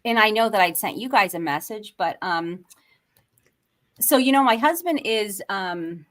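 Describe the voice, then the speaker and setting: A woman co-host chats in a loose, rambling way, with plenty of fillers and small laughs. Her voice sits at an ordinary, middle pitch. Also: expressive, unhurried, fairly bright tone. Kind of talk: casual chat.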